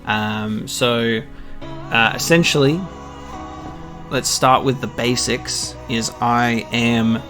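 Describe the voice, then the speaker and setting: Over background guitar music, a twentysomething Australian man who runs a YouTube gaming channel speaks casually to his subscribers. He's earnest and hesitant, with a medium pitch, fairly even intonation and a slow pace.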